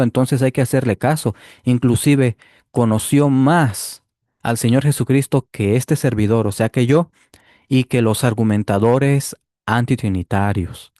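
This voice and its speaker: A man giving a deliberate Bible commentary, explaining step by step and checking in with the listener. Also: medium pitch, mellow, no echo, studio quality. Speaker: Bible teacher rebutting a clip. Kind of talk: apologetics commentary.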